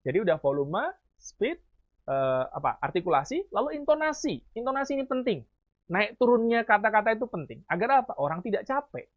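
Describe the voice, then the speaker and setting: Man, rapid-fire speaking coach, lively and coaxing, thin tinny phone-line sound. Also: sits high. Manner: talks very fast, admits it himself; lively, coaxing, calls listeners "Dek". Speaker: public speaking trainer. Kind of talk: talk to high school students.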